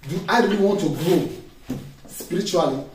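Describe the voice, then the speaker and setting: The preacher here has a high-pitched, somewhat mellow voice and keeps a moderate pace. He leads his congregation through emphatic call-and-response questions, heard via a distant mic in an echoing room with faint noise.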